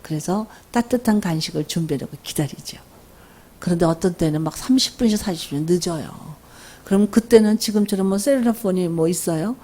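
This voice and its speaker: An older woman lectures at a workshop in a mellow, warm voice. She tells stories from home with lively energy and keeps asking her listeners questions. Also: lowish voice, a little fast. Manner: animated, asks the audience questions. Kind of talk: faith-based lecture with storytelling.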